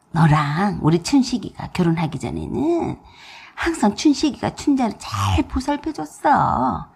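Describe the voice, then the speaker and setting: A woman's voice: on the low side, creaky, a little mellow, husky, heavily acted. A woman voicing a nagging, scornful older mother-in-law in a radio drama. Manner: scolding, contemptuous.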